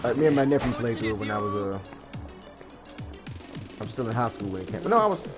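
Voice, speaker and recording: A man's voice: lowish voice, lively intonation, a little fast, rough recording. A man in his thirties giving casual let's-play commentary, rambling and laughing often as he acts out screams. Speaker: gaming YouTuber. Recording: game music behind voice.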